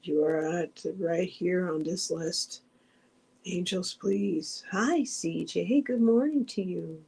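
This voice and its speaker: Reading out viewer comments on her meditation group livestream, a middle-aged woman meanders through casual chat, often restarting and adding soft asides. She speaks slowly in a lowish, slightly rough voice with vocal fry.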